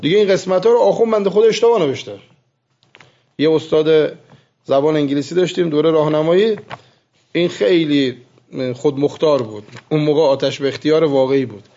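A man teaching seminary students, lecturing with animated storytelling and soft asides. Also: a little high. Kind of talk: classroom lecture with anecdotes. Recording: muffled lo-fi recording.

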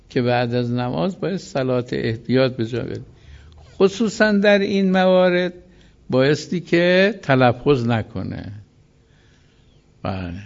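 A man teaching a seminary lesson on religious law, explaining slowly, repeating key terms and checking that his listeners follow. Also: mid-range voice, creaky, darkish tone. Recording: dull lo-fi recording.

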